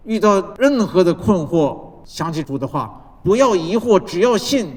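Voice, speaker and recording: A man preaching a sermon as pastor, building points through rhythmic repetition and dropping from loud declarations to soft, low asides. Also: very animated, normal speed. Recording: long reverb of a large hall.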